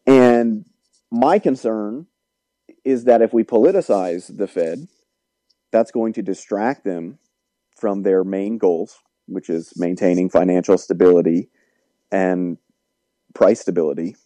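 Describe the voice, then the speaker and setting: A man, an economics professor, explaining policy in a measured, lecturing way during an interview. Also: low-pitched, warm tone, dry recording, low-quality recording.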